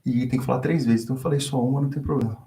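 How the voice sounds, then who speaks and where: A man's voice: medium pitch, steady tone, rapid-fire, creaky, mellow. A man from Brazil, a guest explaining religion in a casual, teaching way, who acts out the dialogue he quotes. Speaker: guest speaker on theology. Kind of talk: conversational teaching.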